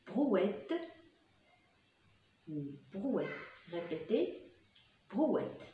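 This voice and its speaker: In a school classroom, a female kindergarten teacher leads a vocabulary lesson, slowly drawing out single words again and again for the children to echo. Her medium-pitched voice is sing-song. The recording has the echo of a classroom, a slightly dull sound and slight background noise.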